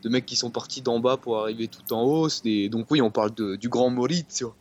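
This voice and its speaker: A man's voice: mid-range voice, fairly quick, darkish tone, dull audio, a little hiss or hum. A man, a guest football specialist on a casual podcast, rambling and repeating words. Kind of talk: casual sports podcast chat.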